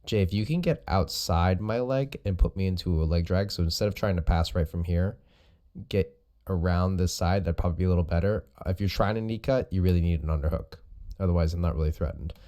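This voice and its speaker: A man's voice: low voice, brisk, warm tone, clean tone. A man speaking as a host and coach, giving casual, informal explanatory commentary over recorded sparring footage. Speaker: host and jiu-jitsu coach.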